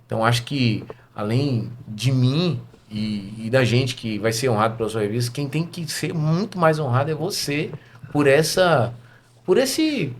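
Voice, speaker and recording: Brief: man in podcast talk, mid pitch, sincere and reflective, faint background hum. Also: expressive, measured pace. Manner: heartfelt, reflective testimony. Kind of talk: casual podcast conversation.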